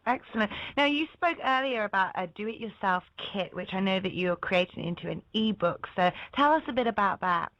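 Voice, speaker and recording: A woman's voice: mid-range voice, lively intonation, normal speed, hardly any pauses, fairly bright tone, no echo. A woman interviewing a guest, asking conversational questions to prompt his answers. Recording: dry lo-fi audio.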